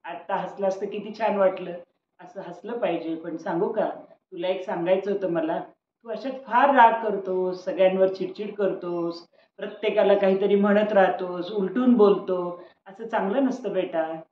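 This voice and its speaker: Older woman as a calm wise father, kind, persuasive, echoey room, dull lo-fi audio. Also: mid-range voice, normal speed, a little hiss or hum, natural voice. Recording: roomy, dull lo-fi recording.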